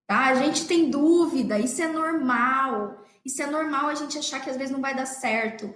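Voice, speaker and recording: High-voiced chatty Brazilian woman, echoey room. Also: normal speed, fairly bright tone. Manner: chatty, often checks in with listeners. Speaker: dentist. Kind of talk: casual storytelling to an audience of colleagues.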